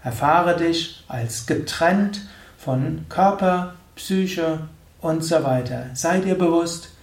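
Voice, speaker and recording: A man with a fairly high voice gives a calm spiritual lecture, driving each point home by repetition. He sounds set back from the microphone in an echoey room. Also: slow, gravelly, far from the mic. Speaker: spiritual teacher.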